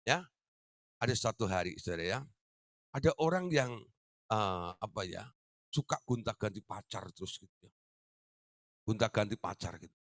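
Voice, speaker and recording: Lively-voiced man preaching a sermon. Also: fairly low pitch, moderate pace, pauses often, no room sound, studio quality. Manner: addresses listeners as "Saudara", tag-question fillers. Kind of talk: teaching sermon.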